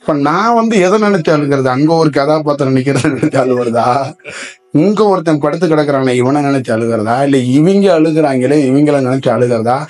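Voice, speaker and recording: A man's voice: a little high, a little fast, a little mellow. Spiritual teacher, male, slightly raised voice, loose rambling delivery, faint music underneath. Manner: rambling, asks many rhetorical questions. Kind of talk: spiritual discourse to listeners.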